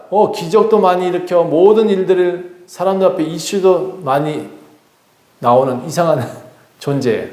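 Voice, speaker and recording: A male pastor preaching a sermon in a relaxed, conversational way, putting questions to the congregation and prompting them to respond. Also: mid-range voice. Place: church sanctuary. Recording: echoey church hall.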